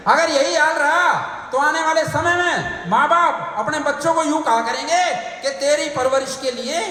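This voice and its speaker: A man with a Haryanvi accent doing stand-up comic poetry on stage, loudly shouting his punchlines and acting out family dialogue. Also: very high-pitched, moderate pace. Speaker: comic poet. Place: large hall at a live poetry show. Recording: very echoey hall with long reverb, faint noise.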